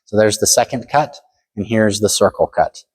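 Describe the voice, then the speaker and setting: Guy with a lowish voice coaching fencing, explains moves step by step, matter of fact instructions. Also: moderate pace, husky. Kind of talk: spoken demonstration lesson, explaining step by step.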